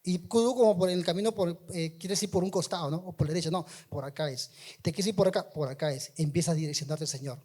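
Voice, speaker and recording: Middle-aged male preacher, high voice, storytelling sermon with forceful emphatic peaks. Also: fast talker. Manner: swings from quiet storytelling to loud emphatic calls. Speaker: preacher giving testimony. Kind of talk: sermon testimony.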